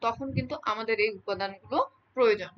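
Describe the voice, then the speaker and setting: A woman gives an explanatory lecture in a somewhat high voice. She repeats her key terms and keeps checking that her listeners follow. The recording sounds dull and lo-fi. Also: fast talker. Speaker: teacher.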